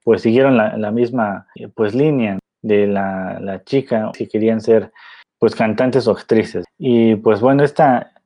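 Low-voiced man rambling casually. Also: a little slow, dark tone. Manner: rambling, heavy on fillers and tag questions. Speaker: film commentator. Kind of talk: casual film commentary. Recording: dull lo-fi recording.

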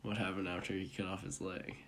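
A man's voice: low-pitched, level tone, fast talker, gravelly, a bit bright. A young man in crude, casual comedic banter who laughs often.

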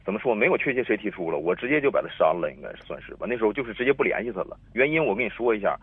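A man's voice: fairly low pitch, big pitch swings, rapid-fire, breathy edge, dry recording. A man in his thirties calling in on the phone, rambling and repeating himself as he tells his story. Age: 30s. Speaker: caller. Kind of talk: phone-in call telling a personal story. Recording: tinny dry phone line.

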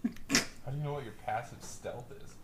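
A man's voice: mid-range voice, normal speed. A man playing a tabletop game, joking and mocking himself. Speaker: player. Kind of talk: casual tabletop play. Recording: noticeable background hiss.

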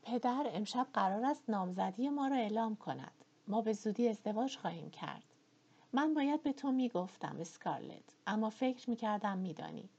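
A woman voicing a gentle young gentleman, earnest and kind, with a breathy, slightly muffled voice. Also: mid-range voice, animated.

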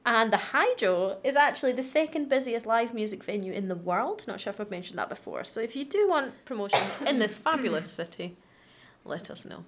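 A woman's voice: on the high side, animated, fairly quick. Woman co-host, jokey teasing banter, faint background hiss. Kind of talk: casual chat.

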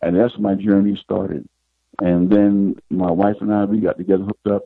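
A middle-aged man with a husky, fairly low voice recounts his life as a psychic guest, unhurried and reflective. The sound is thin and tinny, like a phone line, and quite dry. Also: flat delivery, no echo. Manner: unhurried, reflective, retells scenes with quoted dialogue. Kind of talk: personal storytelling in an interview.

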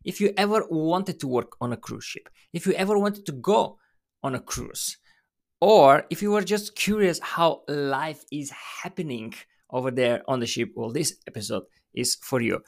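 A man's voice: a little high, normal speed, creaky. Eager man hosting a podcast. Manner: eager, talkative questioner. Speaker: podcast host. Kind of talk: casual interview.

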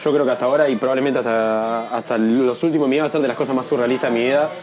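Fast-talking young Uruguayan man. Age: young adult. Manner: animated, acts out quoted voices in a higher pitch. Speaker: guest, freestyle rapper. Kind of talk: casual storytelling interview.

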